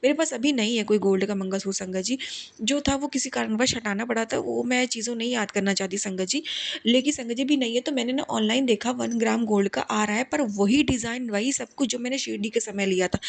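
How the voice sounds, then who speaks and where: A woman's voice: fairly high pitch, gravelly. A young woman giving an earnest, fearful spoken testimony, repeatedly addressing her listeners as a devoted follower.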